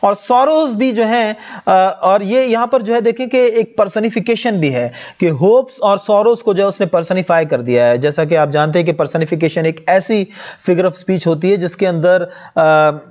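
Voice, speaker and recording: A man teaching an English poem in lecture style, explaining in Hindi-Urdu with English terms mixed in and reading verse lines slowly. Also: high voice, darkish tone, lo-fi sound.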